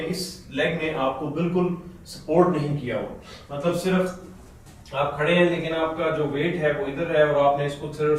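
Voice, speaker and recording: A Pakistani snooker coach with a sore throat and a slightly high voice patiently reviews a student's video, telling a helper when to play and pause it. He's recorded in a very echoey room with the mic at a distance.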